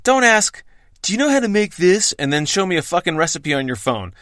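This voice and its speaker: A man's voice: high voice, big pitch swings, a little fast, a bit bright, dry recording, studio quality. An American man delivering a scripted podcast sign-off with a wry, brash bartender manner. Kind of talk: scripted podcast intro and outro.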